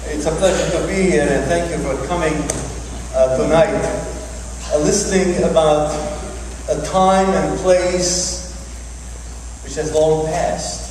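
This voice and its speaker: A man's voice: fairly high pitch, fairly even intonation, darkish tone, far from the mic, slight background noise. Elderly man speaking in an echoey hall. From Czechoslovakia. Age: 80s. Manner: measured, unhurried storytelling with dry humor. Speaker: speaker recounting his life. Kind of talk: public talk to an audience. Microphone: camcorder from the audience.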